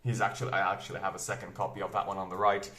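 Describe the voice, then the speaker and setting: Low-pitched and sharp, this man's voice is completely flat as he rambles through a casual bookshelf tour at home, self-correcting without hurry. He's a Belgian book vlogger in his twenties, first language Flemish Dutch, whose accent is Flemish with a mix of American and British English. The recording has room echo.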